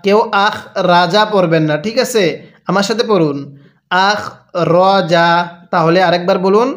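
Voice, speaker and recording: A man with a Bangladeshi Bengali accent teaching Quran reading. He spells out each syllable slowly and asks the listener to repeat after him. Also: sits high. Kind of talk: slow syllable-by-syllable recitation lesson.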